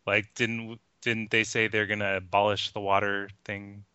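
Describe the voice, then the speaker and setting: A man co-hosting a casual gaming podcast, hesitant and given to repeating himself. His voice is very bright and crisp. The dry close recording is a bit dull. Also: lowish voice, level tone, moderate pace, no echo. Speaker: podcast co-host.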